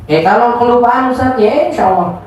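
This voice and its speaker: A woman's voice: a little high, animated, a little fast, noisy background. A woman giving a casual religious study lesson, joking and acting out little dialogues as she teaches. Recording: echoey room, distant mic, faint ambience.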